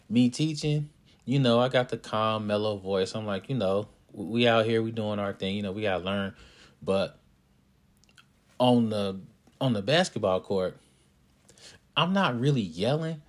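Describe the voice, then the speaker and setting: A man who hosts a podcast and coaches youth basketball, telling a story in a casual, animated way and speaking straight to his listeners. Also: lowish voice. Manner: animated, talks to listeners directly.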